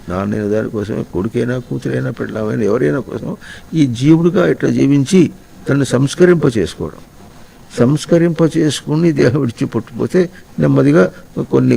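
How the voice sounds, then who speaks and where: Gravelly, mellow-voiced spiritual teacher. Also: male voice, medium pitch, rough recording. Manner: slow, reflective, repeats and questions listeners. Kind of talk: spiritual discourse.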